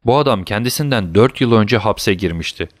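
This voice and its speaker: Measured male audiobook narrator. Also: on the low side, expressive, no room sound, studio quality. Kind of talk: scripted narration of a classic novel.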